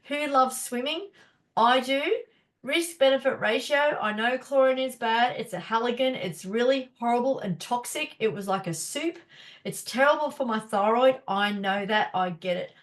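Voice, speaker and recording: With a stuffed-up, blocked nose, a woman who works as a naturopath leads a relaxed live lesson, speaking at a normal pace in a voice on the high side. She's chatty and encouraging and uses many filler words.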